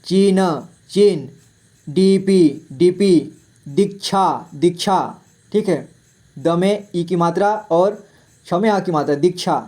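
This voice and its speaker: A man's voice: sits high, measured pace, darkish tone. A male teacher giving a reading lesson, saying each word twice and patiently explaining the vowel signs. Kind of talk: Hindi reading lesson for children.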